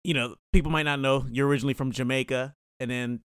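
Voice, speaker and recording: A man hosts a casual interview podcast, friendly and chatty, tossing in jokes as he talks with his guest. His voice is smooth and resonant at a middling pitch. The close, dry recording has no echo at all. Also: steady tone, fast. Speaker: podcast host.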